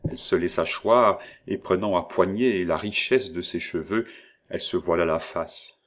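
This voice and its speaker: A man narrating a novel in a steady, measured reading voice. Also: low voice. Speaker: audiobook narrator.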